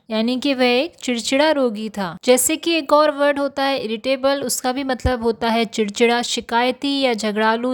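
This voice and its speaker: A woman teaching English vocabulary in Hindi, who explains each word and reads the English examples slowly and deliberately. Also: fairly high pitch. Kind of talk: Hindi-language vocabulary lesson.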